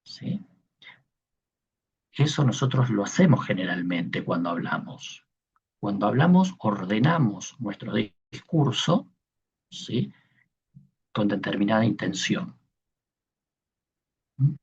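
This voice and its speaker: A male teacher gives a patient class, pausing often to check that his listeners follow. His voice is gravelly and very husky, and his speech is slow and unhurried. The sound is dull and lo-fi. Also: fairly low pitch, sing-song, a little mellow. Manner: patient explaining, frequent checking questions. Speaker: teacher of Koine Greek. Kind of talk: online class lecture.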